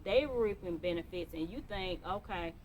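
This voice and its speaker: A woman's voice: on the low side, normal speed, a little mellow, slight background noise, rough recording. A woman giving a motivational monologue to camera, emphatic and repeating phrases for stress. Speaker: motivational speaker.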